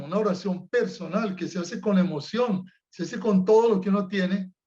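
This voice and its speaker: A man's voice: high voice, a little mellow, highs cut off. A man teaching personal prayer over a video call, reflecting aloud and acting out a blind man's cries for mercy. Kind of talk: teaching lesson on Lectio Divina.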